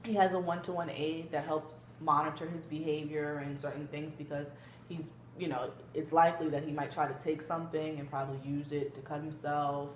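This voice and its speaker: A woman playing a gentle therapist in an amateur role-play, talking conversationally and hedging often as she explains. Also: sits low, lightly acted. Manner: hesitant, hedging with frequent kinda and you know. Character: gentle female therapist leading a family session. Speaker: student clinician in a role play. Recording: echoey room with background noise.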